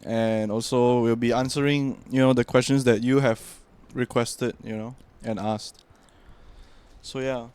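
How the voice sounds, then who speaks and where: A young man hosting a casual podcast chat, relaxed and full of fillers. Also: mid-range voice, a little slow, clean tone. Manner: relaxed, filler-heavy, trailing off. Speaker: podcast host.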